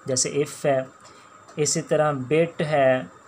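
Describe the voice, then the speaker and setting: A man with a Pakistani accent teaching a shorthand class, explaining each sound slowly and repeating words as he writes them out. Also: fairly high pitch, steady tone, a little mellow, slight background noise. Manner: slow, patient, repeats each sound and word. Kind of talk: classroom lecture while writing on a board.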